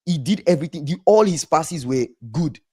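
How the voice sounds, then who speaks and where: A man co-hosting a casual football podcast, emphatic and repetitive, a little hoarse. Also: fairly high pitch, animated, moderate pace, a little mellow. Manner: emphatic, repeats himself, trails off. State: slightly hoarse from shouting. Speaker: podcast co-host.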